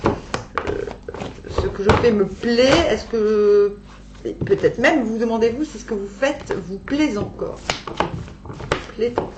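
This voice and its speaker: A woman speaking with a dental retainer in, giving an informal tarot reading, thinking aloud haltingly and correcting herself. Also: fairly high pitch. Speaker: tarot reader. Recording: echoey room, dull sound, faint hum.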